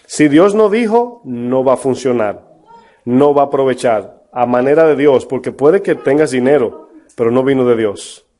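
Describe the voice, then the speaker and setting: A man's voice: medium pitch, expressive, normal speed, mellow. Emphatic male pastor preaching. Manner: emphatic, rhetorical questions to the congregation; mocks false prophets in a put-on voice. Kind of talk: sermon.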